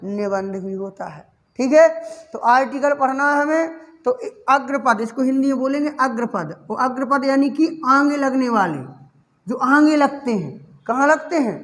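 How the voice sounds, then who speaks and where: A man's voice: very high-pitched, normal speed, fairly bright tone. A male English grammar teacher giving a classroom lecture, asking the class questions over and over, answering them himself, and fondly calling his students child.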